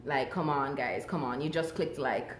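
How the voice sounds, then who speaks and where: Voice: mid-range voice, moderate pace, a crowd in the background. A Jamaican singer talking candidly and casually as an interview guest. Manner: relaxed, candid, lively. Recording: echoey room.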